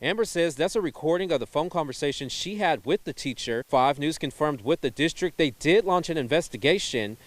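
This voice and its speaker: Man, TV news reporter, scripted narration, fairly high pitch. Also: expressive, fairly quick, hardly any pauses, no room sound.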